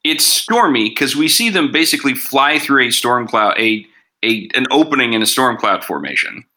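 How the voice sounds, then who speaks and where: A man's voice: mid-range voice, very animated, moderate pace, bright, forceful tone, rough recording. A man hosting a casual podcast reviewing TV episodes, chatty and sarcastic, with lots of asides. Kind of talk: casual chat.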